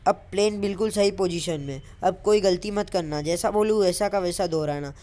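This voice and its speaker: Woman as cocky male comic superhero, lecturing, short-fused, low-set voice, comic voice-over dub. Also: a little fast, dark tone, natural voice. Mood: bossy. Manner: exasperated, lecturing, hot-tempered. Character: brash young male superhero, bossy and boastful.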